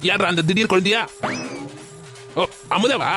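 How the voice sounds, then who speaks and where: A man's voice: high-pitched, measured pace, sharp tone, soft background music. A man voicing a boastful drunk middle-aged father in a cartoon family drama, brash and mocking.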